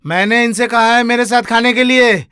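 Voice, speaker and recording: An actor playing a mocking, bossy elder brother in a Hindi film drama. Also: male voice, extremely high pitch, steady tone, moderate pace, pushed and bright, smooth, dry recording, clean studio sound. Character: scheming elder brother, mocking servant-loving master.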